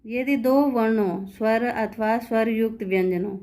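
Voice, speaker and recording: A woman's voice: on the high side, fairly even intonation, a little mellow. A woman teaching Hindi grammar, explaining patiently and checking understanding with rhetorical questions. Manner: patient, repeating words slowly and asking rhetorical checks. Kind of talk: classroom-style explanation.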